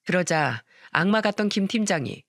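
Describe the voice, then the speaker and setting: A woman's voice: lowish voice, expressive, moderate pace, no echo, studio quality. Woman narrating a dramatic story. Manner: emotional first-person telling.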